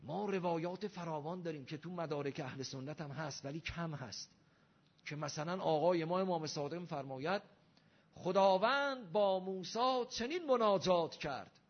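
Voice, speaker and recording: A man giving a religious lecture, arguing with rhetorical questions and emphatic rising delivery. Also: on the high side. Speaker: Shia cleric lecturer. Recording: dull lo-fi recording.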